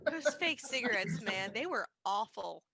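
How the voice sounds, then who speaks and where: A woman reminiscing in a casual group chat about her theatre days, in a lively manner. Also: mid-range voice, normal speed, gravelly, background noise. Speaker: former assistant director.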